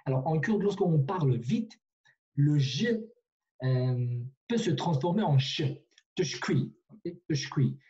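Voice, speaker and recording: A man's voice: fairly high pitch, lively intonation, measured pace, mellow, muffled recording. A man teaching a language online in a patient way, repeating himself with many fillers and restarts, over a video call.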